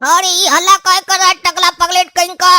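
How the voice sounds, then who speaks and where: A woman's voice: very high voice, level tone, fairly quick, slight background noise, heavily acted. A woman voicing a hot-tempered young son in a cartoon, hurling insults. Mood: angry. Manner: rude, shouting insults. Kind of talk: cartoon dubbing.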